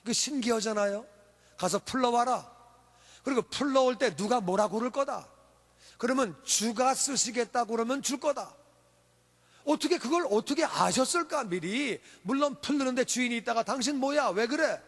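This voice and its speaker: A man's voice: very high voice, moderate pace, a bit bright. A male pastor preaching a sermon, telling the story with emphatic rhetorical questions. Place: church sanctuary. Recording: long church hall reverb.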